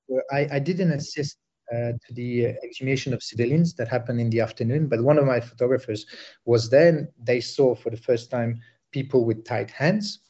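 A man originally from Bosnia, a war correspondent reporting from the field, speaking haltingly with many fillers and restarts. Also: mid-range voice, dark tone, lo-fi sound.

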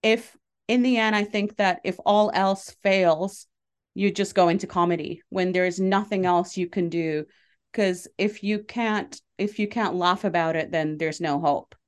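A woman's voice: mid-range voice, fairly even intonation, a little slow, clear, resonant tone. A middle-aged woman from Lebanon, a comedian, answering interview questions in an earnest, chatty way with many fillers and easy laughs. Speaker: comedian and show producer.

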